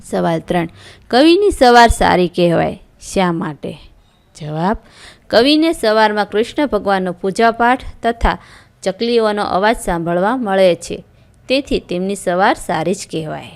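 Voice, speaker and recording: Clear-voiced woman teaching a lesson. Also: mid-range voice, lively intonation. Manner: clear and measured, reads questions then answers. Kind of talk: reading a textbook lesson aloud.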